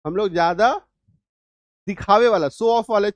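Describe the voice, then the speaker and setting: A man's voice: high voice, normal speed, dry recording. A male English teacher giving a spoken lesson, explaining patiently step by step and often checking that his students understand. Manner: repeats words and keeps checking understanding.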